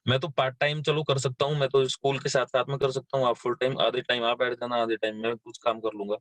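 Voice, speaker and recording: A man's voice: mid-range voice, flat delivery, fast talker, no echo. A man in his thirties from western Uttar Pradesh, telling his life story as an invited speaker in a motivational session, with plain storytelling and many fillers. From western Uttar Pradesh, India. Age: 30s. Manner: plain storytelling, frequent fillers and repeated words. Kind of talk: motivational talk on a live session.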